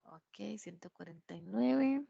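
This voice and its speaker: Woman, English teacher, dry sound, slow careful examples. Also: mid-range voice, animated, creaky, breathy edge, dry recording, muffled recording. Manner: reads English examples aloud slowly, checks with "¿verdad?". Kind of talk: classroom grammar explanation. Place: classroom.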